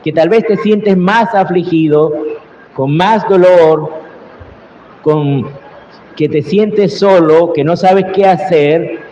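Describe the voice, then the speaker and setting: A man preaching a homily in a fairly high voice, taking his time over every phrase and lifting into loud cried-out prayers. The long reverb of a big church hangs on each word, with a faint room hum underneath. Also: muffled recording. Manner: slow, earnest preaching that swells into cried-out prayers. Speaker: priest. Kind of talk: Sunday homily. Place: large echoing church.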